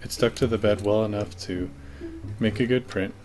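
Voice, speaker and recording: A man with a fairly low voice narrates a hands-on how-to video. He explains each step in a plain, matter-of-fact way, like a casual scripted tutorial. Music plays clearly behind him. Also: fairly even intonation, moderate pace.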